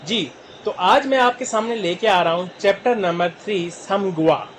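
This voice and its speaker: A man with a Pakistani Urdu accent teaching Korean vocabulary, sounding out each word slowly syllable by syllable. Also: high-pitched, a little hiss or hum, poor audio. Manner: spells words out slowly syllable by syllable. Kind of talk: vocabulary lesson.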